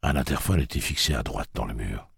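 Very deep, gravelly male narrator. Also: expressive, fairly quick, no room sound, clean studio sound. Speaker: audiobook narrator. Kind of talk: scripted narration.

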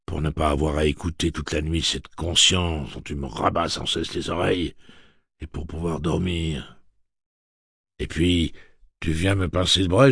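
A bitter, snarling traitor , as a male narrator puts him on, pushed louder and higher than plain narration. The voice stays gravelly and husky, heard in a dry, close audiobook recording. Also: no echo, full character voice. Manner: snarling, then weary and dignified. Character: snarling, whiny middle-aged male traitor. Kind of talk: audiobook character voice.

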